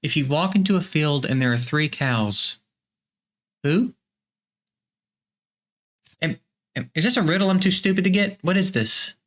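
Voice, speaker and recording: A man's voice: on the high side, expressive, unhurried, long pauses, fairly bright tone. Guy hosting a comedy tweet-reading bit, kinda bemused, voice jumps all over. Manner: bemused, stammering restarts. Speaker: comedy show host.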